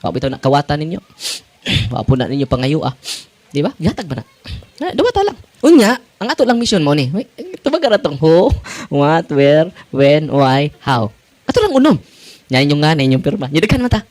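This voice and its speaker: A priest delivers a sermon in a lively, swooping voice. He laughs often, switches languages, and sits a little high for a man. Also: a little fast. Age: 40s. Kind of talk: sermon to parishioners.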